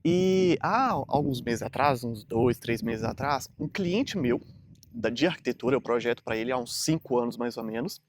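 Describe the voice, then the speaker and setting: A man's voice: medium pitch, animated, moderate pace, slight background noise. A man, talking casually and earnestly to camera in a rambling motivational vlog full of fillers. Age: 30s. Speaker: vlogger.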